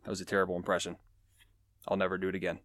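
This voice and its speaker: A man's voice: sits low, completely flat delivery, rapid-fire, a bit bright, no room sound. A man hosting a nature show, explaining animal facts in a casual, joking way with chatty asides. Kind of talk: casual educational podcast talk.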